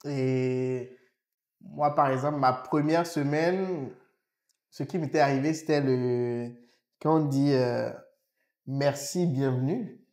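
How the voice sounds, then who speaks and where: A man's voice: mid-range voice, slow pace, a little mellow, reverberant. A man co-hosting a podcast, telling a story in casual chat and checking in often with his listener. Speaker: podcast co-host.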